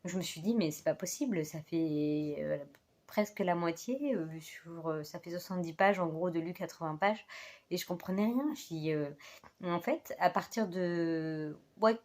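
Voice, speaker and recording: A book vlogger chats casually into a phone held in her hand, hesitant and full of fillers and self-corrections. Her voice is lowish and a little mellow, at a moderate pace.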